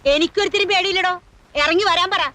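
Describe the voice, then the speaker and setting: A woman's voice: extremely high pitch, brisk, pushed and bright, no echo. A fierce scolding old grandmother. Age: older. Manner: scolding, commanding.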